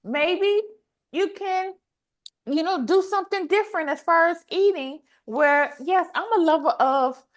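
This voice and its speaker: A podcast host with a very high voice chats at a measured pace, animated, casual and motivational. She repeats lines for emphasis and acts out brief quotes.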